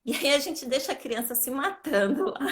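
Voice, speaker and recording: A woman's voice: sits high, expressive, unhurried, a crowd in the background. A woman educator teaching on a live video call, explaining step by step in a patient way and often checking that she is understood. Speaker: literacy educator.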